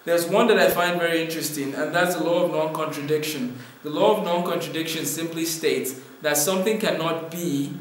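A man's voice: fairly high pitch, fairly quick, hardly any pauses, a little hiss or hum. A young man from Nigeria gives an earnest talking-to-camera lesson, explaining with his hands. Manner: earnest, explains with hand gestures. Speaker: apologetics teacher. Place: indoor room with wood-panel wall. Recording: very echoey room.

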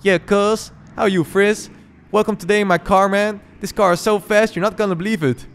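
A man doing a high, brash show-off buddy. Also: fairly even intonation, a little fast. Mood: boastful. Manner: slangy, boastful, loud. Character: brash young male friend, fast-car show-off.

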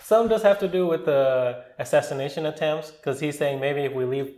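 A man's voice: a little high, brisk, a little mellow. A man reviewing a book in casual chat, easygoing and agreeable with his co-host. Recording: roomy echo.

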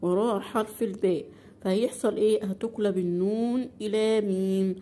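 A woman with an Egyptian accent teaching a beginner Quran recitation lesson, asking questions and answering them herself, and drawing out example words slowly. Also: medium pitch, steady tone, warm tone, slight background noise. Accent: Egyptian Arabic.

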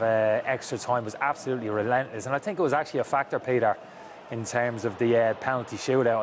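Fast-talking middle-aged male football pundit. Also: medium pitch. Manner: emphatic, talks over replays. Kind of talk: studio match analysis. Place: large TV studio set. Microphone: lapel. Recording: TV studio with background noise.

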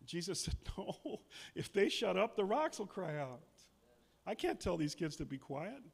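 High-voiced pastor preaching in two languages. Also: male voice, big pitch swings, slow pace, gravelly. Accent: South Texas Spanish. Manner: repeats each point in both languages, leads call-and-response. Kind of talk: bilingual sermon, Spanish then English. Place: church.

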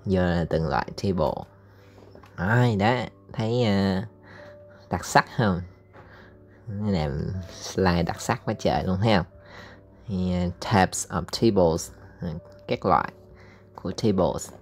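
Male teacher with a Southern Vietnamese accent and a very low voice, chatty and halting, faint music underneath. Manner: chatty, hesitant with many fillers, drawls out English words slowly for repeating. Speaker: English teacher. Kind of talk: casual recorded lesson explaining slides.

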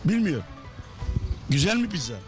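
Male host, high voice, enthusiastic promotional patter, emphatic repetition, chatty, faint background music. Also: very animated, moderate pace. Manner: emphatic, repeats phrases for effect. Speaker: host of a restaurant promotion show. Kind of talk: enthusiastic promotional presenting with casual chat. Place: inside a restaurant.

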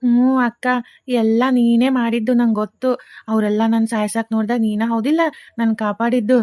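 A woman voicing a gentle young schoolboy who speaks softly and innocently, with a North Karnataka accent. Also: a little high, little pitch movement, brisk, no echo, clean studio sound, voice pushed down, close to an everyday voice. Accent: North Karnataka Kannada.

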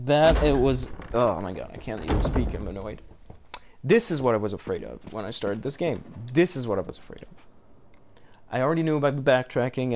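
A medium-pitched, darkish-toned voice belongs to a young gamer doing let's play commentary on his own play. He grows frustrated, rambling and swearing as he goes, with background noise audible throughout.

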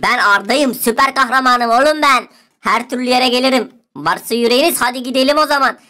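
A woman voicing a bragging boy who calls himself a superhero, loud and cocky. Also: on the high side, fairly quick. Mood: boastful.

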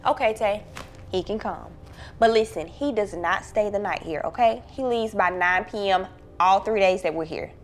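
A woman's voice: mid-range voice, normal speed, slight background noise, lightly acted. A woman playing a strict, exasperated mother setting house rules. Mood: firm. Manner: firm, exasperated.

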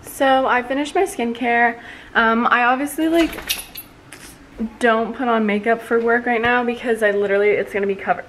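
A woman's voice: fairly high pitch, steady tone, moderate pace, a bit bright, slight background noise, rough recording. A young woman vlogging in a casual, chatty way, with lots of filler words. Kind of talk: casual vlog narration.

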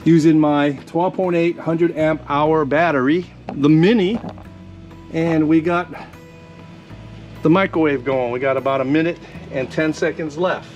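Relaxed man demoing gear, faint music. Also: on the high side, a little slow, highs cut off. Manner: relaxed, rambling with fillers. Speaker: vlogger. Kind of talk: casual product demo vlog.

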